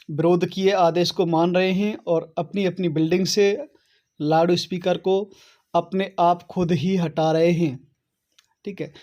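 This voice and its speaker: This man runs an online how-to channel, walking viewers through things step by step in an explanatory tutorial. He keeps checking in with a short "okay" to make sure they follow, and his high voice is a little mellow.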